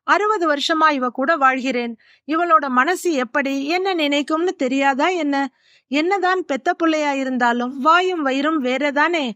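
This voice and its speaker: Old husband, wounded and protective, pleading heavily, read by a woman in her own high voice. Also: fairly bright tone, no echo, lo-fi sound. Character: grieving elderly husband, bitter and protective.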